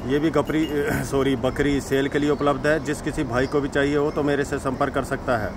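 With a flat delivery and moderate pace, a Himachal Pradesh goat farmer shows off animals he's selling outdoors. He addresses his audience as friends and repeats his pitch over and over as he walks around. Background noise from outdoors is present.

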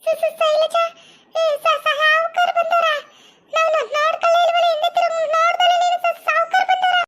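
A woman voicing a fretful, gossipy young village woman, talking in an excited, stammering way. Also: very high voice, quick pace, heavy background noise, pitched above the performer's own voice. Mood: panicked.

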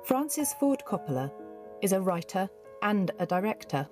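Female course-audio narrator, clear measured read, animated pitch, music bed. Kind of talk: scripted textbook narration.

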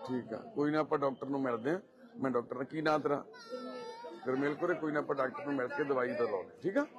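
A man with a Punjabi accent, gently reassuring visitors at a charity and giving them firm advice. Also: mid-range voice, quick pace, dull audio. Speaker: head of a charity society, meeting visitors. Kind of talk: casual, comforting talk with visitors. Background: crowd chatter.

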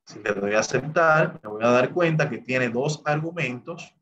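An expressive man with a mid-range voice, at a moderate pace, teaches a recorded screen-share spreadsheet lesson, explaining what Excel does at each step. He transitions with "bien" and "entonces," and the recording sounds muffled.

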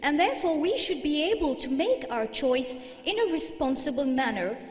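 A woman's voice: high-pitched, very animated. Earnest young woman in audience. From Mauritius. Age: young adult. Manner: earnest, frustrated, measured. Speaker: audience member. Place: studio audience, large hall. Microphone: handheld mic. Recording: roomy, dull hall recording.

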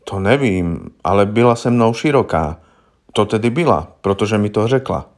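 A man's voice: lowish voice, animated, natural voice. A man playing a blunt simple farmer. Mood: plainspoken. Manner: plain, blunt, rustic speech. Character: simple, stubborn middle-aged male farmer accused of murder.

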